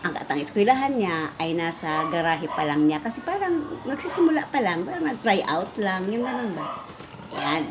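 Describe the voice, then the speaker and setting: A woman's voice: normal speed, noisy background. A middle-aged woman with a Visayan accent, a preschool teacher telling a story in a casual vlog, chatty with many fillers. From Visayas, Philippines. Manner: chatty, many fillers, rises in pitch when excited.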